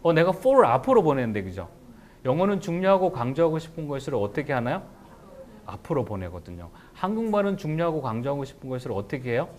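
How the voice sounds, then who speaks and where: Animated man lecturing teachers. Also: fairly high pitch. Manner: animated, shouts example phrases, slows down for English sentences.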